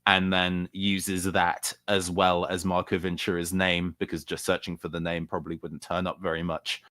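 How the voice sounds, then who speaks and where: A man playing a tabletop role-playing game, relaxed as he describes what his character does, with some fillers. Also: sits low, normal speed, no room sound. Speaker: player.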